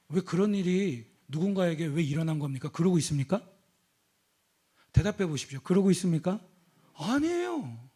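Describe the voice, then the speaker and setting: Middle-aged male pastor, high-pitched voice, preaching with swings from loud to hushed and questions thrown at the congregation. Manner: preaching with sudden swings between loud exhortation and hushed, intimate speech; asks the congregation questions and calls out hallelujah. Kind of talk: sermon.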